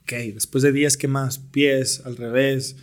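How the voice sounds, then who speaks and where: A man's voice: medium pitch, little pitch movement, slow. A young man with a Mexican accent, a podcast guest telling stories in slangy, laid-back talk. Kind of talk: casual storytelling interview.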